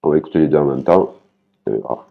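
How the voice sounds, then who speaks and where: Man, language teacher, very low voice, unhurried, repeats words to show the tones, dull lo-fi sound. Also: lively intonation, gravelly, husky. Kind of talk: spoken language lesson.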